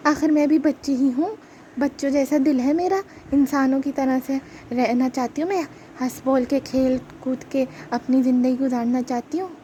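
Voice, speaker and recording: Woman doing a high wailing little girl doll. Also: steady tone, moderate pace, warm tone, slight background noise, lightly acted. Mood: pleading. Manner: wailing, overdramatic pleading. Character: panicky little girl doll, whiny and dramatic. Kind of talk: children's puppet show acting.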